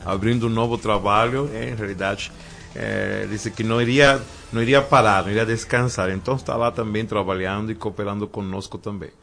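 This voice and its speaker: A middle-aged Cuban man with a Cuban accent, a pastor speaking as a radio interview guest in a calm, measured way. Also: on the low side, gravelly. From Cuba. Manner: calm, measured, repeats affirmations.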